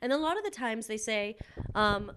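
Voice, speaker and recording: A woman, a culinary producer, guesting on a casual podcast chat, relaxed and chatty with easy laughter. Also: a little high, moderate pace, a little hiss or hum.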